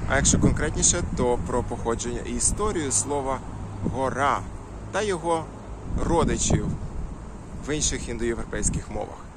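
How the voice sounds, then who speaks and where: A man narrating an educational talk on word history, explaining clearly and stressing each example word. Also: medium pitch, lively intonation, brisk, noisy background. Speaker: language history presenter.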